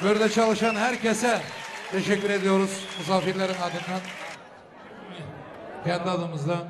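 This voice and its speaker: A man with a high-pitched voice hosts a wedding as a booming announcer. He calls out blessings and applause in a ceremonious way. A crowd murmurs faintly behind him, with some background noise. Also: flat delivery, moderate pace. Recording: live hall with crowd noise. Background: crowd and ambient noise.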